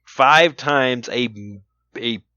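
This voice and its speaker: A man co-hosting a podcast and running a trivia game, talking in a relaxed, rambling way with lots of fillers. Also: medium pitch, very slow, clear, resonant tone, no echo. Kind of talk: casual chat. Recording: slightly dull lo-fi, dry sound.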